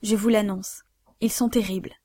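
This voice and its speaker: A woman's voice: medium pitch, fairly even intonation, normal speed, warm tone, lightly acted. A woman voicing a desperate nobleman in love, urgent and imploring, in a read-aloud story. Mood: vehement.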